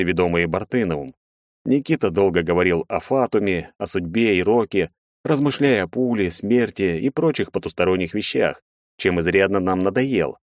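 A man reading a first-person audiobook in a measured, expressive way. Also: low-pitched, no echo, clean studio sound. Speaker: audiobook narrator.

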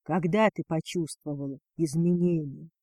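Rich: A strong male dragon husband with a low, husky murmur, as a woman narrator voices him. His words come slow and breathy in a dry, close recording. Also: steady tone, warm tone, no room sound. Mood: tender.

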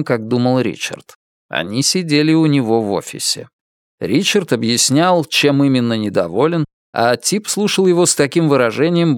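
A man narrates an audiobook in a measured, storytelling way. His pitch rises and falls with animation. The recording is dry and close, with no room sound. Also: no room sound.

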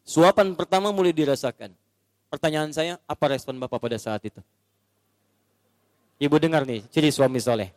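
A man's voice: on the high side, normal speed, long pauses, darkish tone, no echo, big-room sound. A man preaching a sermon, telling a story by acting out its scenes and putting questions to his audience.

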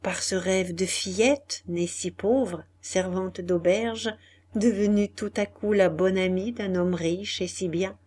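A woman reading a classic novel aloud as an audiobook, soft and measured, often dropping nearly to a whisper. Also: medium pitch, fairly even intonation. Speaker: audiobook reader. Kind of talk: literary audiobook narration.

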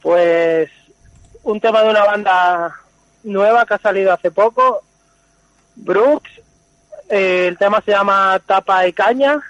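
A high-pitched man heard over the phone as a caller to a live radio show. He talks in an easygoing, halting way with plenty of fillers. The line sounds dull and muffled. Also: fairly bright tone, no room sound. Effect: over the phone, live call into a radio show. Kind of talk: casual chat.

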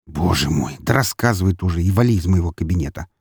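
A man's voice: low voice, lively intonation, fast, creaky, a little mellow, breathy edge, dry recording, studio quality, full character voice. A man voicing a weary, cynical male investigator who grumbles and snaps sarcastically. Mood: irritable.

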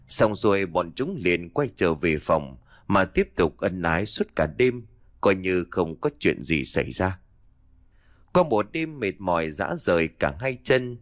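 Low-voiced man narrating a dark tale. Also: no room sound, studio quality. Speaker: audiobook narrator. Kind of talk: dramatic story narration.

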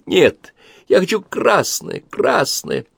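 Reading aloud, a man voices a spoiled six-year-old girl in a full character voice pitched well above his own, whiny and pleading. The delivery is high, slow, creaky and fairly bright with a breathy edge and huge pitch swings, recorded dry and clean in a studio.

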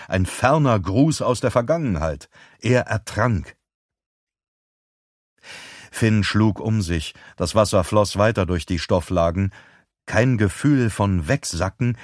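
A man's voice: lowish voice, no room sound, clean studio sound. Man reading a tense thriller audiobook. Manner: tense, measured storytelling. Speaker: audiobook narrator. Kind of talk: scripted audiobook narration.

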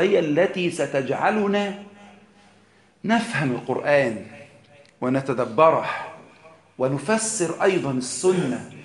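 Egyptian sheikh teaching in an echoey room. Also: male voice, a little high. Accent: Egyptian Arabic. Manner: explanatory, poses rhetorical questions, mixes formal and colloquial Arabic. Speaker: sheikh teaching Quran exegesis. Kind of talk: religious lesson.

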